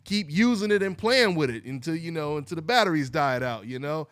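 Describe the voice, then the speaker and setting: Slightly high-voiced man hosting a call-in show. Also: lively intonation, a little fast, a bit bright. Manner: loose, rambling, restarts and "you know, man". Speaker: host of a call-in boxing show. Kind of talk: casual call-in radio talk.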